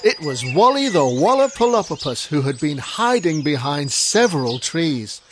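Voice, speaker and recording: A storyteller reading a children's story in a gentle, expressive way. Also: medium pitch, moderate pace, background noise.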